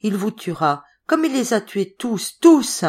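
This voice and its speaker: A woman's voice: medium pitch, very animated, a little slow, a little mellow, pitched above the performer's own voice. A woman voicing a delirious, wounded young woman who pleads frantically, in an audiobook reading. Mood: frantic.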